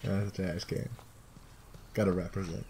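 A man's voice: deep voice, steady tone, moderate pace, vocal fry, warm tone. A man giving casual, laid-back let's play commentary in short remarks. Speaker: gaming co-commentator. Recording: faint noise, game sound underneath. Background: game ambience.

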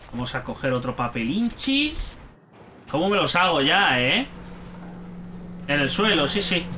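Excitable Spanish gamer, high lively voice. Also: male voice, background noise. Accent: Spain Spanish. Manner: excitable, swears a lot, talks to himself. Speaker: gaming YouTuber. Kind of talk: let's play commentary.

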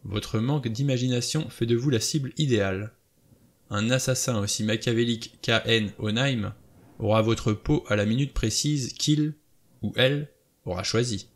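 A man's voice: medium pitch, normal speed, natural voice. A man voicing a cool, self-assured adventurer who teases his companion in an audiobook. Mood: mocking.

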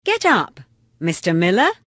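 A woman reading short English phrases slowly and deliberately for a language course, pausing between each. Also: fairly low pitch, wildly swooping pitch, fairly bright tone, no echo, clean studio sound. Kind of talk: slow scripted phrasebook reading.

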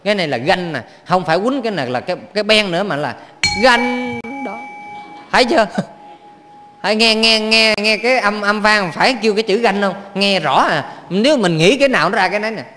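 High-voiced Southern Vietnamese monk preaching. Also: male voice, expressive, fast talker, bright, forceful tone. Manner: playful, chuckling, keeps quizzing the audience. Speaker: Buddhist monk teacher. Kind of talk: sermon. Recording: reverberant hall.

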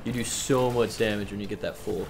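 A young man hosting a casual let's-play, excitable, laughing often and swearing casually. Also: on the low side, brisk, creaky, slight background noise. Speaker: gameplay host.

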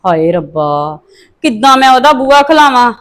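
A woman's voice: fairly high pitch, very animated, normal speed. A woman playing a sister-in-law who gossips and exclaims. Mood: gossipy. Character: sharp-tongued sister-in-law. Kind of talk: family drama acting.

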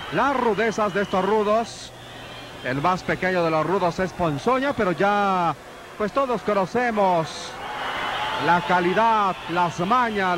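High-pitched Mexican wrestling commentator, a man. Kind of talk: live lucha libre play-by-play commentary. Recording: noisy old TV sports broadcast. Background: arena noise.

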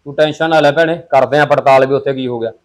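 A man's voice: mid-range voice, steady tone, quick pace, lightly acted, rough recording. A man playing a reassuring brother in a village drama, with a Punjabi accent. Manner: reassuring, casual. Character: helpful brother of the headman's wife.

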